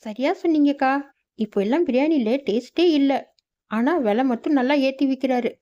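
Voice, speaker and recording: A woman's voice: high voice, fairly quick, warm tone, lo-fi sound, close to an everyday voice. A woman voicing a chatty woman customer who complains along with a friend. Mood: disgruntled.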